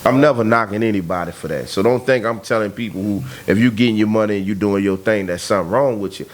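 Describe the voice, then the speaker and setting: A man's voice: lowish voice, fast talker. A man in his thirties, talking bluntly and emphatically in a casual conversation. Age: 30s. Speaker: podcast host.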